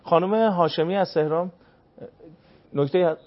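A man hosts a call-in radio show, greeting callers and relaying their questions in a courteous, brisk way. His voice sits a little high. The broadcast sound is dull and lo-fi. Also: steady tone. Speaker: radio host.

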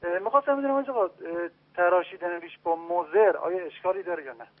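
A man from Tehran calling in with a question, polite and hesitant with fillers. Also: high-pitched. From Tehran, Iran. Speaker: caller. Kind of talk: phone-in question. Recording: tinny phone line.

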